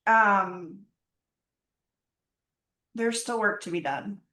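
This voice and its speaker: A woman's voice: mid-range voice, expressive, very slow, pushed and bright. Reflective woman, roomy sound. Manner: open, reflective, faith-centered storytelling. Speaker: podcast guest. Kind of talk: casual conversation. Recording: roomy echo.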